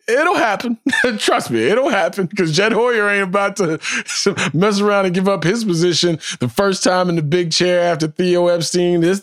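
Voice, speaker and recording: An American man hosts a sports podcast, offering casual, opinionated takes bluntly with slang, swearing, jokes and phrases repeated for emphasis. His voice is high-pitched, and the recording is dry and studio quality.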